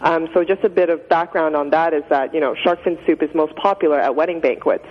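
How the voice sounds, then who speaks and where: A woman's voice: low voice, fairly quick. Young woman guest in a reverberant radio studio. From Canada. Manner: chatty, many fillers and likes. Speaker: guest, nonprofit founder. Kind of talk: casual interview answers. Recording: dull radio sound with long reverb.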